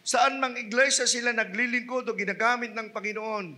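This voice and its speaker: Filipino pastor preaching in church, bright ringing voice, goes from soft to loud and high. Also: male voice, steady tone, a little fast. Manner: mixes English into Tagalog, asks the congregation "Hello?" and "Amen?"; swings from soft asides to loud, high-pitched emphasis. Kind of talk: sermon.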